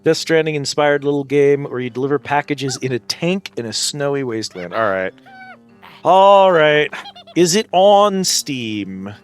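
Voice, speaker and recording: A man's voice: mid-range voice, expressive, moderate pace, hardly any pauses. A man chatting casually as he hosts a live game stream, with playful, exclamatory greetings to his viewers. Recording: music behind the voice.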